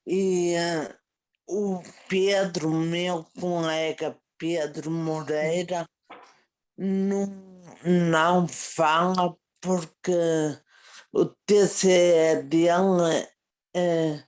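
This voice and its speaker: A woman with a Porto accent speaking haltingly on a video call, restarting her words. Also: on the low side, fairly even intonation, darkish tone. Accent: Porto Portuguese. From Portugal. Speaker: participant.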